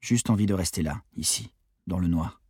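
A man narrating a first-person audiobook in an expressive, measured storytelling voice, recorded close in a booth. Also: deep voice, slightly rough, no echo.

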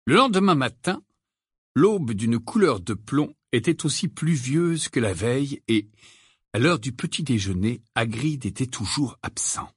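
Husky man reading a story aloud. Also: mid-range voice, a little slow, no room sound, clean studio sound. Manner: lively storytelling, acts out characters. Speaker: audiobook reader. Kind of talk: expressive audiobook narration.

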